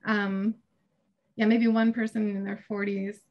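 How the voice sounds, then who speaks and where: A woman's voice: medium pitch, level tone, a little slow, dull audio. A woman in her thirties presenting research and answering questions on a video call, talking casually with hesitations and laughs. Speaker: academic presenter. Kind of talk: conference presentation and Q&A. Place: small home room with shelves. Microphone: video call webcam.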